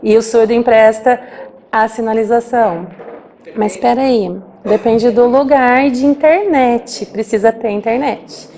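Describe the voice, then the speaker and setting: A woman voicing a deaf speaker's talk aloud as a sign language interpreter, lively and acting out small scenes. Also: on the high side. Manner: lively, acts out little scenes with quick asides. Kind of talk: live spoken interpretation of a talk.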